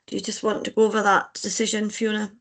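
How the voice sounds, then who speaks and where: Convener with a gravelly voice. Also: mid-range voice, monotone, fairly bright tone. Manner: procedural, measured, polite. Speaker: licensing board convener. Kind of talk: formal meeting chairing.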